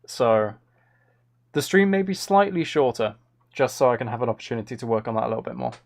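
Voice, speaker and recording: Over background music, a man hosts a live game stream, chatting casually and rambling as he comments on himself with a light wryness. His mid-range voice is animated and brisk.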